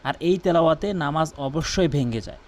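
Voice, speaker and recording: A man teaching Quran recitation. He chants the verses slowly and drawn out, then repeats single words to contrast the wrong pronunciation with the right one. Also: on the high side. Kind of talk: recitation lesson with corrections.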